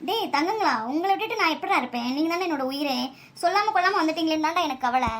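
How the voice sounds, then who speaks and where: A woman's voice: extremely high pitch, lively intonation, fairly bright tone, a little hiss or hum. A woman voicing a strict but loving middle-aged mother from Tamil Nadu in a cartoon, who scolds and fusses over her grown sons. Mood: tender. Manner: scolding, quick-tempered, then tender. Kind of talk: cartoon voice acting.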